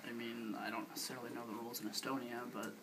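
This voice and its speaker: Young male interviewee, noncommittal; distant mic, steady background noise. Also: medium pitch, very fast. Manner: hesitant, noncommittal.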